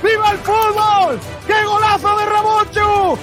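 A man doing breakneck football goal commentary, screaming ecstatically and repeating his shouts in rapid bursts. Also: very high-pitched, little pitch movement. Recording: music and roaring crowd behind. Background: music and crowd noise.

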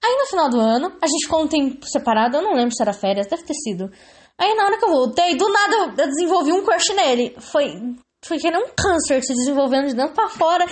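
This young Brazilian woman talks with a high voice that swoops up and down with energy. She chats casually, laughs often and drops casual swears into her stories. Her Brazilian Portuguese accent is easy to hear. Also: big pitch swings, fast. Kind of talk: casual chat.

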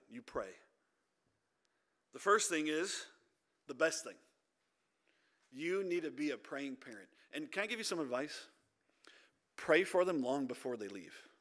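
High, bright-voiced male pastor preaching. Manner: emphatic, swings between loud exhortation and quiet intensity. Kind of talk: sermon. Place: church.

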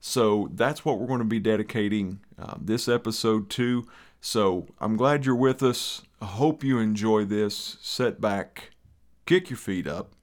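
A man's voice: lowish voice, measured pace. A man with an Eastern Kentucky accent hosting a podcast in a conversational, rambling way with folksy asides. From Eastern Kentucky, USA. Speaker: podcast host.

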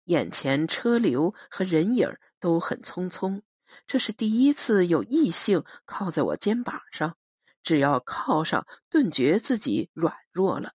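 A woman narrating a novel as an audiobook, in a measured, expressive storytelling manner. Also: fairly low pitch, husky, no echo, clean studio sound.

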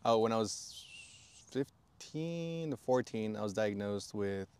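A young man in his twenties speaks as a podcast guest, his voice low and smooth with a resonant clarity. He talks candidly and haltingly, full of fillers and casual swearing. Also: lively intonation, darkish tone.

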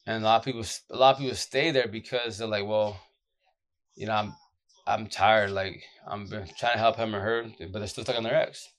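A man with a deep, groggy, exhausted voice giving casual, blunt relationship advice off the cuff in slangy, repetitive phrases. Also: steady tone, fast talker, hardly any pauses, fairly bright tone. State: exhausted, short of sleep. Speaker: social media advice streamer.

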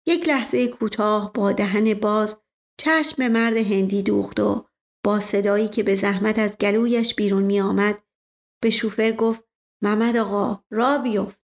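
A woman narrating a novel in a steady storytelling read. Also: medium pitch. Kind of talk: audiobook narration.

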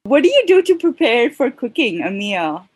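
A woman hosting a podcast, reading a scripted intro and asking interview questions in a friendly, measured way. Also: a little high, very animated, slightly rough, no echo.

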